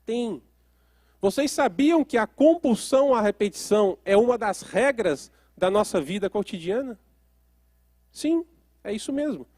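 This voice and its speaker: A high-pitched man gives a lecture as a therapist, often turning to the audience with questions. The sound is dry and close, with no room echo. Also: lively intonation, unhurried, darkish tone.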